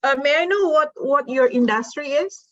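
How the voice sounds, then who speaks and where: A woman's voice: high voice, animated, normal speed, fairly bright tone, lo-fi sound. A woman from Indonesia hosting a casual online panel chat, asking guests questions with many fillers. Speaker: host.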